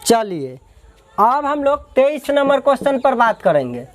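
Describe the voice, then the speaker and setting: A man's voice: very high voice, very animated, unhurried. A male math teacher from Bihar, taking students through exam questions step by step and cheering them on as his brave lions. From Bihar, India. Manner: addresses students as "my brave ones, my lions", drills and asks back. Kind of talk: exam-prep math lesson.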